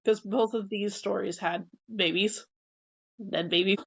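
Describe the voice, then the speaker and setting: A woman's voice: medium pitch, steady tone, takes it slowly, vocal fry, slightly rough. A woman on a podcast, carefully explaining a book's plot, hedging with "like". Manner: thoughtful, hedging with "like". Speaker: podcast co-host. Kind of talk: casual book discussion. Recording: dull lo-fi recording.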